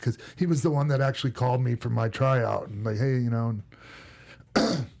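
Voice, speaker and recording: A middle-aged man with a Minnesota accent tells old stories on a podcast. He rambles, circles back and fills gaps with ums and you-knows. His voice sits at an everyday pitch. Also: moderate pace, creaky, darkish tone. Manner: rambling, many restarts and fillers. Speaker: podcast host and former wrestler. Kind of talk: casual podcast storytelling.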